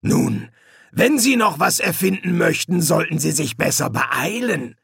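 Man doing a slow, gloating senior demon. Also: a little high, animated, vocal fry, a bit bright, slightly rough, no echo, studio quality, voice pushed up, exaggerated voice. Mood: menacing. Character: smug, menacing senior male demon.

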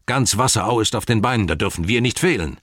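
A man voicing a blunt, hearty older farmer eager for a fight, speaking loudly in a raised voice. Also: on the low side, animated, fast, dry recording, clean studio sound, pitched above the performer's own voice.

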